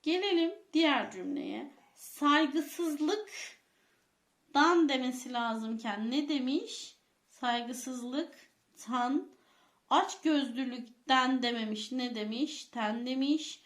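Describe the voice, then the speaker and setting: A woman with a high voice teaches a class of children, asking quiz questions and stressing each rule twice. Her voice rings in an echoey room. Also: lively intonation, unhurried, few pauses. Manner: addresses pupils as friends, repeats key points, asks quiz questions.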